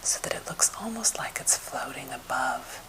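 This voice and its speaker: An American woman whispering softly and breathily in a gentle, unhurried ASMR chat, as for a finger-tapping video. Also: rumbling low, expressive, low-quality recording. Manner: gentle, unhurried rambling storytelling. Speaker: ASMR creator showing wooden objects.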